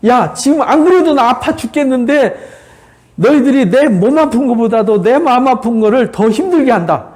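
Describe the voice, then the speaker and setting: A man's voice: sits high, animated, fast talker, darkish tone, pitched above the performer's own voice. A man voicing an anguished older man who indignantly pleads with the friends who blame him.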